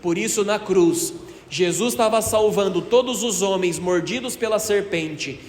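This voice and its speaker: A man's voice: high-pitched, unhurried, a little mellow, a little hiss or hum. A male priest preaching a sermon in a folksy storytelling way, asking the congregation questions. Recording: echoey hall reverb, faint ambience.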